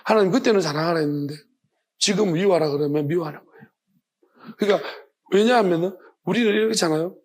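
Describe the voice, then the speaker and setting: A man's voice: high-pitched, quick pace. A male pastor preaching at an evening church service, chatty and laughing often, acting out little prayers. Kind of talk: sermon.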